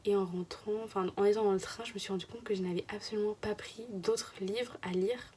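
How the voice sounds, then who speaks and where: A woman's voice: medium pitch, fairly even intonation, brisk, a little mellow, a little hiss or hum. A young woman from France chatting casually to her phone camera in a vlog, rambling and sometimes dropping to a whisper. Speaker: vlogger.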